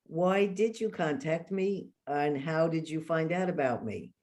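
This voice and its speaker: A woman's voice: sits low, measured pace, a little mellow. A woman hosting a podcast interview, asking long, winding questions with curiosity. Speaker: podcast host.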